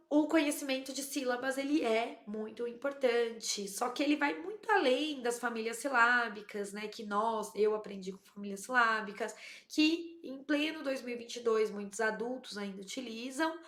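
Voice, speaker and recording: A woman teacher explaining classroom methods in a lively, explanatory way, sometimes acting out short exchanges with a child. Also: on the high side, echoey room. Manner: explanatory, animated, acts out child dialogues. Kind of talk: educational tips to camera.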